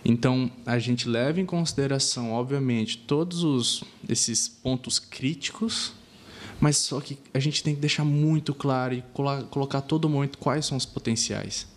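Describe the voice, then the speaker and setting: A man speaking as a physiotherapist in a relaxed conversation. He explains his work and slips into the voice he uses with patients, giving step-by-step commands. His pitch sits in the middle range. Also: normal speed. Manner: animated, acts out what he says to patients. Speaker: physiotherapist guest.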